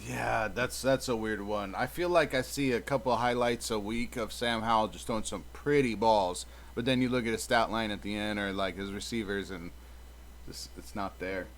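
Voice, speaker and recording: A man's voice: lowish voice, fairly even intonation, moderate pace. A young man hosting a casual fantasy football chat, easygoing as he moves from segment to segment. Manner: easygoing, leads segments with set prompts. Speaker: fantasy football show host.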